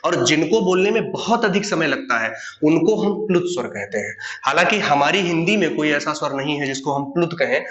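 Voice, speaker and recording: A man's voice: a little high, expressive, fairly quick, a bit bright, reverberant, muffled recording. A young man teaching a grammar lesson to online students, who asks questions and then answers them himself.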